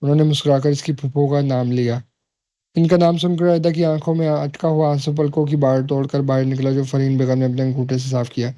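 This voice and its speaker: A man narrating a romance novel in a steady, unhurried storytelling voice. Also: medium pitch, no echo, studio quality. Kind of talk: audiobook novel reading.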